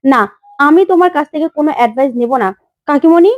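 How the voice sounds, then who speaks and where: A headstrong young woman from a family serial, as a woman narrator reads her lines talks back to her elders in sharp, cutting retorts. The voice sits high, and the recording sounds a little dull and lo-fi. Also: quick pace, no echo, lightly acted. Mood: defiant.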